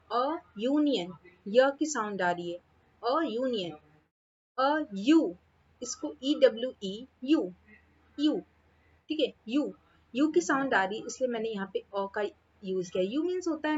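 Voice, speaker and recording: An Indian woman delivers a classroom-style grammar lesson in a mid-range voice. She draws out her examples and says them again and again, stopping often to check that her listeners follow. The sound is a little muffled and lo-fi. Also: mid-range voice. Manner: repeats examples slowly, checks in with frequent "ठीक है". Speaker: English grammar teacher.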